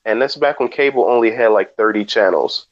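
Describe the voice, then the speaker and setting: A man co-hosting a podcast in casual chat, joking with dry, deadpan asides. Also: fairly low pitch, brisk, lo-fi sound. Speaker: podcast co-host.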